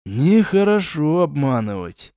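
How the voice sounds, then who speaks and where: A man reading the part of an experienced, guarded male warrior and earth mage, his lines slowed and set a little lower than the narration. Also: big pitch swings, dark tone, smooth, no echo, clean studio sound. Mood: wary.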